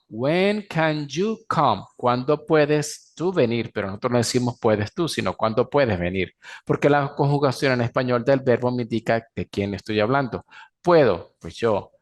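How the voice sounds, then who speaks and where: A man teaching an English grammar class in Spanish, pronouncing the English example sentences slowly and clearly. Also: medium pitch. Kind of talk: recorded class lecture.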